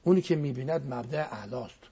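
Man, cleric, reflective religious talk, gravelly voice, very husky, quotes verse. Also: medium pitch, lively intonation, mellow.

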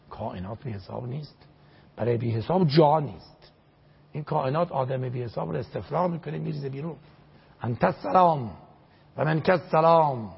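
An older man speaks as a religious scholar, preaching emphatically and reciting verses. His voice is gravelly and very husky. The recording sounds dull and lo-fi. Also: a little high. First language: Azerbaijani. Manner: emphatic, recites Arabic verses, repeats phrases for stress. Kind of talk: religious lecture in an interview.

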